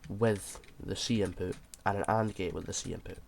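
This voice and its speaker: Low-pitched and a little mellow, this man speaks at a moderate pace with fairly even intonation. He's a video creator who sounds ill, hesitantly explaining his game build in an informal, think-aloud tutorial, with clear background noise and mouse and keyboard clicks in the recording.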